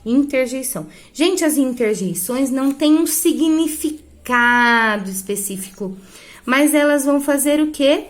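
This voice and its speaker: A woman teacher records an online grammar lesson, her voice sitting a little high. She explains each point slowly and keeps checking in with her class. She talks while writing on a board. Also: lively intonation. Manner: writes on a board while talking. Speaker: schoolteacher.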